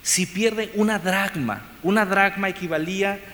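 A man preaching an expository sermon to his congregation, repeating phrases for emphasis and swinging between loud and soft. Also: sits high, measured pace. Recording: long reverb, faint background noise.

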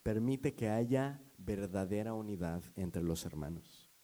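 A man's voice: lowish voice, expressive, measured pace, dark tone. A man preaching a sermon as a pastor, talking to the congregation in a conversational, storytelling way.

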